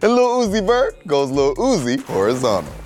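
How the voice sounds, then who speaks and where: Brief: male news host, bouncy and animated delivery, slightly raised pitch, jokey asides. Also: normal speed, soft background music. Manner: lively, playful asides. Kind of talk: scripted entertainment news narration.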